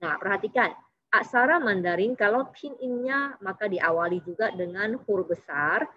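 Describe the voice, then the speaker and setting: A woman teacher works through a vocabulary lesson. She sounds out each example word slowly and deliberately, then rushes through the explanation, often ending with "ya". The recording is dull and lo-fi, with a faint hiss underneath. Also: mid-range voice, animated. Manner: slow, careful enunciation of example words, then quick explanations; frequent tag "ya". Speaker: Mandarin teacher.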